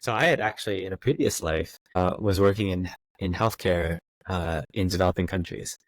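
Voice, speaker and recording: An American man in his thirties, a guest in a conversational interview, answers questions thoughtfully with many fillers and restarts. His voice sits low and his pace is normal; the low-quality recording has no room sound.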